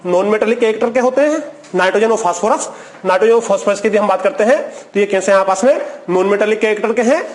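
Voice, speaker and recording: A man with a high voice teaches a recorded chemistry lecture. He poses questions to the class and answers them himself. He repeats key terms over and over as he explains. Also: fast talker.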